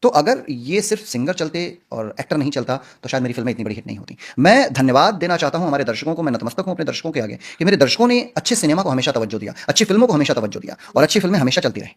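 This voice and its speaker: A man's voice: on the high side, very animated, rapid-fire, few pauses. A man answering interview questions as a film actor, speaking earnestly and outspokenly with emphatic stresses.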